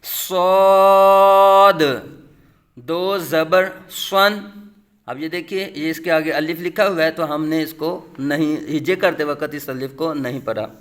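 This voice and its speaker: A man with a Pakistani Urdu accent teaching Quran reading, who stretches each letter name out slowly and then explains the rules in quick, plain sentences. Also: a little high, steady tone. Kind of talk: slow spelled-out tajweed lesson.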